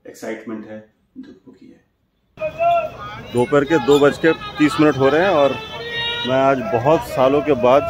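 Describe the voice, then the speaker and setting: A man from Jharkhand in India, narrating his bus trip in a casual, reflective travel vlog and slipping English phrases into his talk. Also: medium pitch. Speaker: travel vlogger. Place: bus and roadside stops outdoors. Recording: street and vehicle noise behind.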